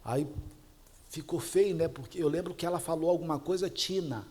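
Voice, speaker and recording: A man's voice: on the high side, moderate pace, a little mellow. A middle-aged man with a Brazilian Portuguese accent, a pastor preaching a sermon, chatty and laughing at his own stories. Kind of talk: sermon with storytelling.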